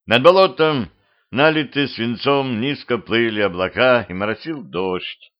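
A man's voice: medium pitch, unhurried. Man narrating a homemade audiobook. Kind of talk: scripted narration. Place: home recording. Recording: dull lo-fi home recording.

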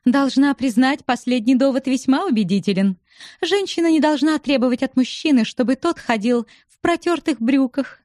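A woman putting on a high teasing young widow. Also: lively intonation, normal speed, a little mellow, dry recording, studio quality. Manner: coquettish, bantering.

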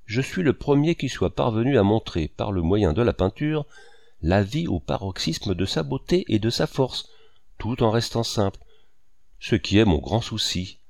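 A man reading as a boastful male painter, jovial, grandiose, animated delivery, dry sound. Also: lowish voice, normal speed, vocal fry, dry recording. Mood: grandiloquent. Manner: grandiose, voluble.

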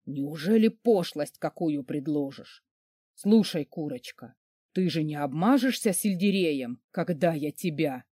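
A woman voicing an arrogant, sarcastic giant of a man who wheezes and rasps through an allergy attack. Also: low-pitched, animated, a little slow, warm tone, no room sound, studio quality, pitched below the performer's own voice. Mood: wheezing, mocking. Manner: mocking, insolent.

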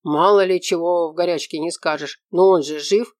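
A gruff, hot-headed man of thirty, as a female reader plays him, blunt and grumbling. The voice sits low and the recording is bone-dry. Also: steady tone, moderate pace, darkish tone, no echo, close to an everyday voice.

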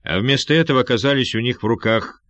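A man voicing an earnest, commanding pirate leader in an audiobook, pitched above his reading voice. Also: quick pace, a bit bright, no room sound, natural voice. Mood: grave.

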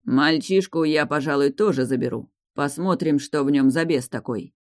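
A woman's voice: deep voice, a little mellow, no room sound, clean studio sound, lightly acted. Lorenzo, a woman voicing a drawling mocking lord. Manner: slow, drawling, coolly ironic. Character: mocking stern male lord on horseback.

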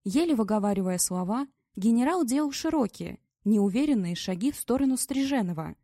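A woman narrating an audiobook chapter in a measured, steady way. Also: a little high, no echo, clean studio sound. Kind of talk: scripted narration.

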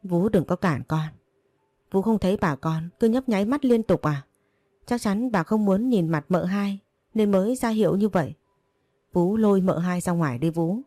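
A woman's voice: mid-range voice, moderate pace, dark tone, no echo, close to an everyday voice. A woman voicing a brash young female servant in a read-aloud story, whiny and insolent. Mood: pleading.

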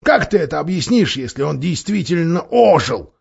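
A man's voice: big pitch swings, normal speed, gravelly, slightly rough, highs cut off, exaggerated voice. A man voicing a sneering bitter dwarf. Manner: sneering, rising to shrill shouts. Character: bitter scheming male dwarf, sharp-tongued, defiant.

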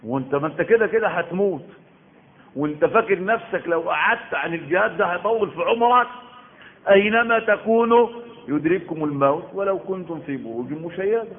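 A man with an Egyptian Arabic accent preaches emphatically on the Quran, repeating lines and rapidly asking rhetorical questions. He talks a bit fast in a high voice with lively intonation, and the recording sounds tinny, like a phone.

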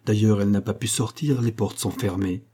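A man reading aloud, voicing a steady father who speaks firmly and quietly. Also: on the low side, a little fast, breathy edge. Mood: calm. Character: calm, steady father taking charge.

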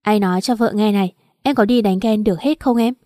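A woman's voice: mid-range voice, brisk, mellow, dry recording, clean studio sound, natural voice. A woman reading a curt, commanding rich playboy. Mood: mocking. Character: arrogant rich man, married playboy.

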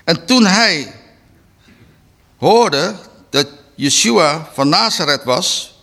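A man giving a preaching Bible study talk, reading slowly and deliberately with emphatic restarts. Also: fairly high pitch, animated, sharp tone. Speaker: Bible teacher.

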